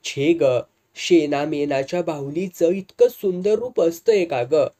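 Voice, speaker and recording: A cheeky young village guy, read by the storyteller, teasing and easygoing, relaxed mellow tone, rural lilt in a spoken storybook. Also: a little high, unhurried.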